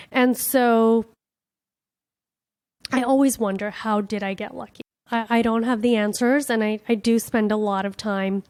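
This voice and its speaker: A woman's voice: a little high, a little mellow, no room sound. A woman comedian hosting her own podcast, talking candidly and from the heart in a casual reflective monologue, full of "like" and "you know". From born in India, raised in Miami.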